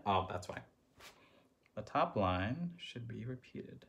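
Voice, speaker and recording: A man's voice: lowish voice, very animated, slow, creaky, fairly bright tone, slight background noise. A man teaching third graders a music lesson, chanting rhythm syllables and encouraging the children.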